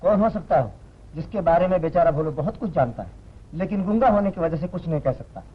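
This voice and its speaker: A stern, husky police inspector. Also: male voice, fairly high pitch, expressive, fast talker. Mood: probing. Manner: interrogating, authoritative. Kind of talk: 1950s film acting. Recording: dull old film soundtrack.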